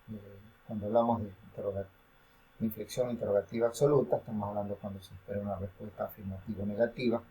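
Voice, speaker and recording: Man, lecturer, fairly low voice, explanatory, fillers and restarts. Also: a little mellow, poor audio. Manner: explanatory, with frequent fillers and self-corrections. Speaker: university lecturer. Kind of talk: recorded academic lecture.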